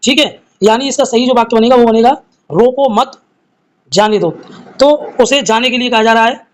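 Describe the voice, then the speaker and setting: High-voiced man teaching grammar. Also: flat delivery, fast talker, low-quality recording. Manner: reads each question and options aloud, then explains the answer; addresses students fondly as children. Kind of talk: live exam-prep class solving quiz questions.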